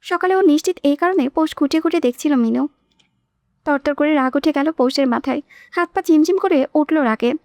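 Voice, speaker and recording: A woman narrates a romantic novel in a high, clear voice. The recording is close and dry, with no room sound. She gives the characters' lines a touch of their own tone. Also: fairly quick, darkish tone, no room sound. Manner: reads all characters herself, shifting tone for quoted lines. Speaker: audiobook narrator.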